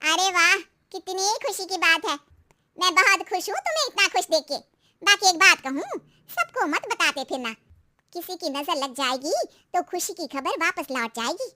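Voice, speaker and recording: A knowing, superstitious cartoon aunty from next door who talks in warnings, as a woman puts her on. The voice is very high-pitched and reads like a storybook cartoon. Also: expressive, normal speed, pushed and bright, exaggerated voice. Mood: cheerful.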